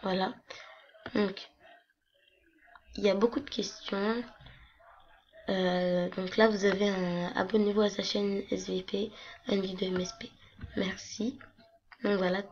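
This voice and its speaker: A young woman with a hoarse voice, chatting casually and rambling with many fillers as she walks through her game accounts on a screen recording. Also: medium pitch, level tone, measured pace, pauses often, a little mellow. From France. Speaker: gaming vlogger. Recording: lo-fi computer mic with faint noise.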